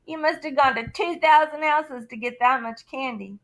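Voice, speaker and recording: A woman voicing a brusque, bossy policeman in a read-aloud storybook, speaking louder and higher than her narration. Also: normal speed. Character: gruff grown policeman, bossy.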